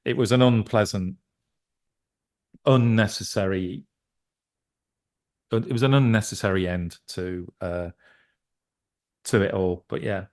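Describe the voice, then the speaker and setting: Halting middle-aged man, low voice. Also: darkish tone. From England. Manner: rambling, stop-start with many restarts and fillers. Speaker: guest, musician and producer. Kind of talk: casual interview chat.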